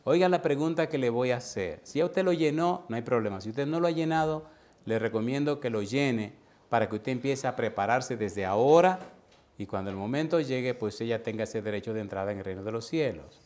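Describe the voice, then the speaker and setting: A pastor with a medium-pitched, slightly mellow voice preaches an evangelistic sermon with an altar call at a brisk pace. He tells a personal story with animation and puts direct questions to his listeners.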